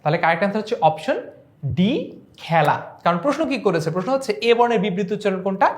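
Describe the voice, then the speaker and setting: A woman's voice: mid-range voice, expressive, rapid-fire. A woman with a Bangladeshi Bengali accent teaching an online exam revision class, explaining step by step and asking and answering her own questions.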